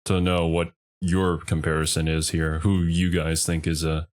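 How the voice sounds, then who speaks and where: Low-voiced man giving casual streamer commentary. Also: little pitch movement, moderate pace. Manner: conversational, musing. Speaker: streamer reacting to a video. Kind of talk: casual off-the-cuff reaction commentary.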